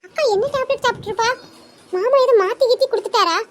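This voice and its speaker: A woman voicing a squeaky, anxious cartoon girl. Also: dry recording. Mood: questioning. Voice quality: very high, bright. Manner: rapid anxious questions. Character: worried young girl, quick and questioning. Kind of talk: cartoon voice acting.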